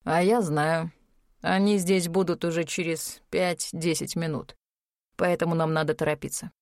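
A woman reading an audiobook voices a cold, sneering male criminal who mutters low threats. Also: steady tone, normal speed, a little mellow, no echo, studio quality, lightly acted. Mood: menacing.

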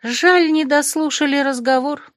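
A woman voicing a gossipy, spiteful young girlfriend in an audiobook, snippy and excitable. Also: fairly high pitch, moderate pace, no room sound, clean studio sound, voice pushed up, natural voice.

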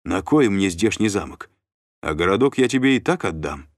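A man voicing a blunt, seasoned warrior father with a gruff manner. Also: deep voice, animated, normal speed, no room sound, clean studio sound.

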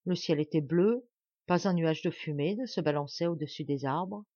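A woman reading a classic novel aloud as an audiobook in calm, even storytelling. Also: sits low, moderate pace, no echo, dull audio. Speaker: audiobook reader. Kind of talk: scripted narration of a classic novel.

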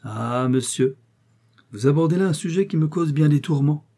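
A man's voice: fairly high pitch, moderate pace, mellow, voice pushed up. A man voicing a scheming young orphaned heiress who complains melodramatically, reading an audiobook. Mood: plaintive. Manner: plaintive, melodramatic.

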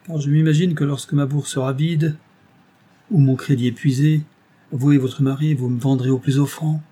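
The desperate, imperious noblewoman of an audiobook, as a male reader puts her on, sharp and scornful in every phrase. Her voice is mellow and low-toned, with a husky edge. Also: fairly even intonation, moderate pace, lightly acted. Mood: bitter. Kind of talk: audiobook reading.

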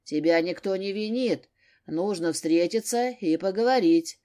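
A woman reading an audiobook, voicing a gruff, commanding older father who barks his words. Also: lowish voice, a little slow, warm tone, lightly acted. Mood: stern. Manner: barking, stern.

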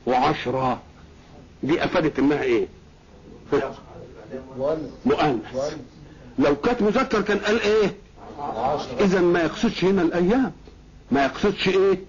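Egyptian sheikh teaching on old lo-fi tape. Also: male voice, a little high. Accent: Egyptian Arabic. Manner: asks the listeners questions and answers them himself; teacherly, repeats key words for emphasis. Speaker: religious scholar. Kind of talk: Quran commentary lecture. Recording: dull lo-fi old recording.

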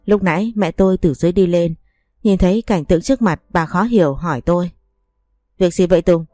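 Brief: woman audiobook narrator, mellow, dry close sound, faint music. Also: lowish voice, fast talker, dry recording. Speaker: audiobook reader. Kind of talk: scripted story narration.

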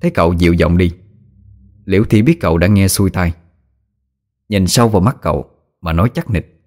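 A man telling a ghost story in measured, even scripted narration. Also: sits low.

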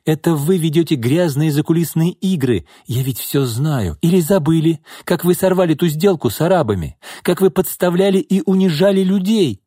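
A male narrator voicing a distraught young female secretary who bitterly accuses her boss, speaking slowly and with emphasis. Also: on the high side, animated, mellow, breathy edge, dry recording, clean studio sound, pitched above the performer's own voice.

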